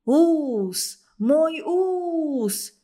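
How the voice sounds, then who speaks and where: A woman reading a storybook aloud and voicing an enraged older man who shouts in outrage. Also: a little high, slow pace. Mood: furious. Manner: shouting, indignant. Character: furious older man, roaring at the barber.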